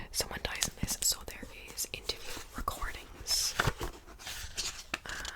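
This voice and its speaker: A book review vlogger whispers ASMR-style right up against the mic, chatting casually about books. Her voice is breathy and unvoiced, her pace measured, and she softly repeats words and phrases.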